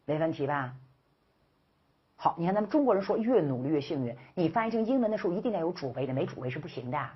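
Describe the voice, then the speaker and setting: Woman, grammar teacher, online lecture, husky, playful and teasing, dull lo-fi sound. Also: sits low, animated, quick pace. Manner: playful, teasing, acts out students' questions.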